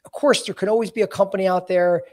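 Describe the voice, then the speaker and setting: High-voiced blunt man in his forties. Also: fairly even intonation, quick pace, darkish tone. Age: 40s. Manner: blunt and emphatic, many "you know" fillers. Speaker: podcast host, career coach. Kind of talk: casual advice podcast.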